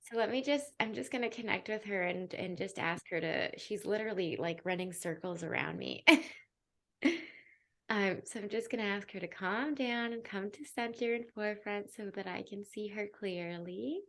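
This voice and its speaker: A young adult woman hosting a podcast and giving a spiritual guidance reading, chatty and full of fillers and small laughs, often going soft and hushed. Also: mid-range voice, moderate pace, vocal fry. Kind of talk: casual podcast chat and intuitive reading.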